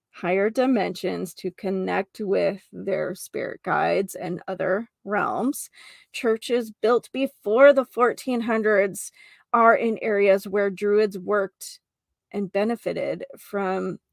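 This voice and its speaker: A woman hosts an informal spiritual teaching podcast, partly reading from notes as she explains earnestly with emphatic repetition. Her mid-range voice is gravelly, slow, and fairly even in intonation, captured as a dry, studio-quality recording.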